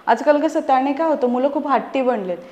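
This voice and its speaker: A woman in her thirties with a high voice, speaking as a guest in a relaxed interview. Her delivery is earnest and persuasive as she works through examples. The room around her sounds echoey. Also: quick pace, highs cut off. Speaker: podcast guest, parenting expert. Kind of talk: casual conversational interview.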